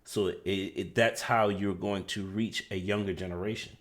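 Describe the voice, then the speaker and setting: A man with a very deep, low voice explains his view on a discussion panel. He reasons in a measured way and keeps steering the conversation back to the topic. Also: fairly even intonation, a bit bright.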